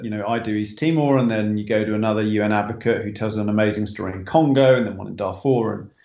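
A man's voice: medium pitch, darkish tone. A man who directs films, talking earnestly as a podcast guest, with many restarts. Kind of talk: casual interview talk. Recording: echoey, dull remote line.

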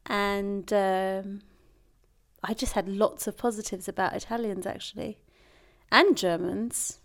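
A woman's voice: medium pitch, steady tone, slow pace. A young British woman in casual conversation, chatty and playful, often restarting her sentences. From Britain. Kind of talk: casual chat.

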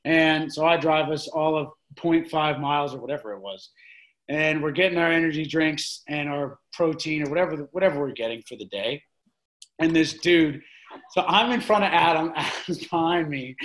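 Brief: guest man, casual chat, swears a lot, rambles while storytelling, fairly high voice. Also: moderate pace, fairly bright tone, low-quality recording. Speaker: guest, fitness mentor.

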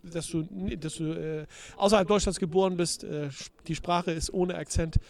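High-voiced enthusiastic male interviewer. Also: fairly even intonation, normal speed. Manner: enthusiastic, hesitant with many fillers. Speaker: podcast host, interviewer. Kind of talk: casual interview.

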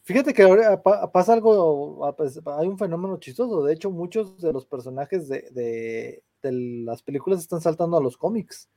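A young man from San Luis Potosí, Mexico, with a Mexican Spanish accent, rants about films in casual, slang-heavy podcast chat, swearing freely. His voice is a little high, expressive and dark in tone, at a moderate pace with hardly any pauses and no echo.

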